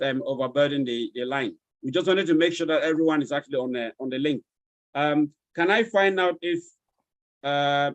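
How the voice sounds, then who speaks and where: On a video call, a polite Nigerian man moderating an online webinar takes the roll. His voice is slightly high, and the audio is dry and close without any room echo.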